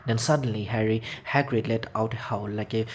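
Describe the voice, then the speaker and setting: A man's voice: fairly low pitch, fairly even intonation, brisk, a little hiss or hum. A man narrating a children's fantasy audiobook, reading with frequent slips and restarts. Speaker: audiobook reader. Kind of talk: storybook narration.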